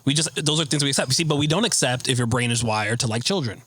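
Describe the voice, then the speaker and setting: A man's voice: medium pitch, fast, fairly bright tone, breathy edge, dry recording. A man co-hosting a casual podcast chat, lecturing at length with hesitant restarts. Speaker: podcast co-host.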